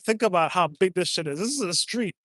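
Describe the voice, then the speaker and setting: A man's voice: high-pitched, animated, a little fast, fairly bright tone, dry recording, clean studio sound. Blunt man chatting. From France. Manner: blunt, swears casually, points things out. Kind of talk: casual chat.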